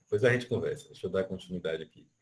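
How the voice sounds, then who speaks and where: A man's voice: low-pitched, very fast. A Brazilian man teaching an online music class, explaining by counting beats and stretching out syllables. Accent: Brazilian Portuguese. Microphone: video call.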